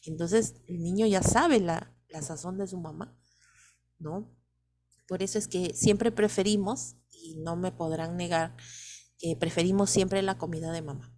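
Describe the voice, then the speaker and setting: A woman's voice: fairly low pitch, fairly even intonation, measured pace, dark tone. A woman teacher with a Peruvian Spanish accent, lecturing students and asking many rhetorical questions.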